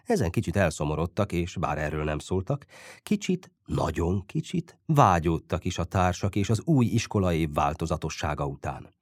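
Lively, low-voiced male audiobook narrator. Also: no echo, clean studio sound. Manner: expressive, lively storytelling. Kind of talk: scripted narration.

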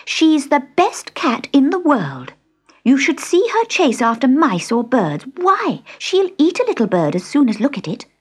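A woman's voice: sing-song, a little slow. A woman voicing Alice, an earnest, tearful young girl in a storybook reading, with music behind her. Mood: proud. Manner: high and plaintive.

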